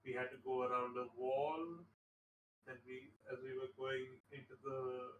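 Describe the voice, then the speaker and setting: Bright man on a roomy, distant mic. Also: mid-range voice, completely flat delivery, normal speed, muffled recording, a little hiss or hum. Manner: argumentative, swears casually. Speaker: player. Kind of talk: casual game chat.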